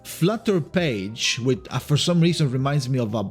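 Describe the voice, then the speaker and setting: A man's voice: mid-range voice, lively intonation, moderate pace, faint music behind. A man giving casual, speculative video commentary, rambling and hesitant, repeating words and swearing lightly. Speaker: video creator giving game news.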